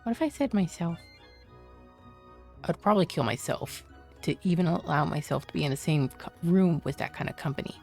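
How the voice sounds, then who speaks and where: A woman reading as a morbid deadpan cop. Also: on the low side, brisk, creaky, soft background music, pitched below the performer's own voice. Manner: flat, morbid deadpan delivery. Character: gloomy, deadpan grown male cop. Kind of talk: reading game dialogue aloud.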